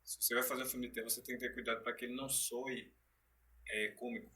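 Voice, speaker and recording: A man's voice: medium pitch, little pitch movement, fast, bright, forceful tone. A man being interviewed as a guest actor, telling stories animatedly in casual chat with frequent restarts. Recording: distant from the mic.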